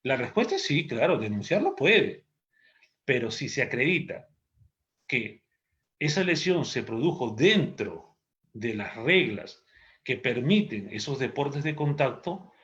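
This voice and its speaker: Lively man lecturing on law. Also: mid-range voice, measured pace. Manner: lively, acts out quoted dialogue in raised voices. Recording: dull lo-fi audio.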